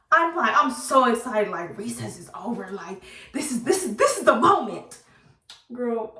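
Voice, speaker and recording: A woman telling a storytime to her viewers while doing her hair, chatty and animated, laughing at herself and using casual slang. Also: fairly high pitch, slight background noise. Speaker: beauty vlogger. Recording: roomy, slightly distant mic.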